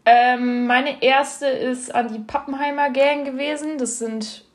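A young woman with a high voice chatting on a podcast. She tells anecdotes animatedly, giggles often and talks casually. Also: steady tone, a little slow. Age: young adult. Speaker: podcast co-host.

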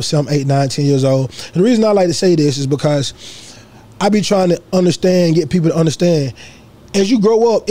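A man's voice: a little high, warm tone. A man interviewing a music artist in casual, slangy chat, often asking "you know what I'm saying".

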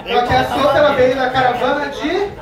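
A woman's voice: high voice, steady tone, fast, recorded from a distance, a crowd in the background. A woman co-hosting a live podcast, affectionate and hyping up guests from the audience. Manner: affectionate, calls people "amor", hypes guests. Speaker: podcast co-host. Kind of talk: casual live podcast chat. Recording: roomy live recording from off-mic, audience noise.

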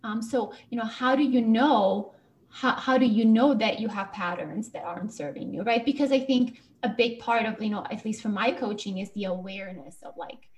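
A woman's voice: medium pitch, a little hiss or hum. A woman podcast host and coach asking loose, rambling questions, often using "like" and "right?". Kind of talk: casual interview questions.

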